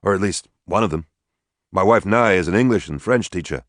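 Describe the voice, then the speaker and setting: A male narrator voicing a measured, precise husband who talks in formal jargon. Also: deep voice, no room sound, studio quality, natural voice. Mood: calm. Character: calm, formal husband, a colony historian.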